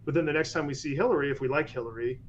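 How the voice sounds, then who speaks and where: A fairly high-pitched man talks rapid-fire and animatedly in a relaxed podcast chat, restarting sentences often and mimicking whoever he quotes. The audio is dull, with slight background noise.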